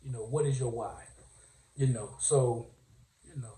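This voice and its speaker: A man's voice: mid-range voice, fairly even intonation, measured pace, dark tone. A man hosting a podcast, talking in a casual, rambling monologue with lots of fillers. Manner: rambling, self-aware, filler-heavy. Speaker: podcast host. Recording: roomy, distant from mic.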